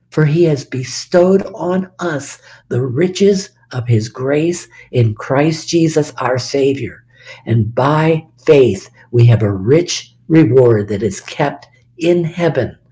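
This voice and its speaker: Slow, mellow-voiced older man preaching. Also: on the high side. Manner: emphatic, lingers on key words, sometimes drops to a whisper. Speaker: Bible study teacher. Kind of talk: slow, deliberate sermon.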